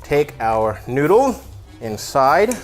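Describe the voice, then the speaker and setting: A man's voice: mid-range voice, sing-song, slow pace, soft background music. A man hosting a comedy cooking video, chatting casually through the steps in a rambling, self-deprecating way with offhand asides. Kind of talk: casual cooking demonstration chat.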